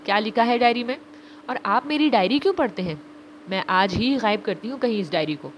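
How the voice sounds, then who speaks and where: A woman's voice: on the high side, expressive, a little hiss or hum, natural voice. A woman voicing a timid, innocent young wife who pleads fearfully in an audio novel. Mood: indignant.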